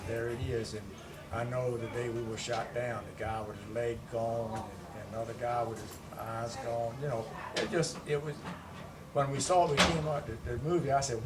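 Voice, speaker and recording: An elderly war veteran with a mid-range voice is interviewed about his wartime service, speaking plainly and conversationally as he remembers. The microphone sits at a distance in a noisy room, picking up clear noise around him.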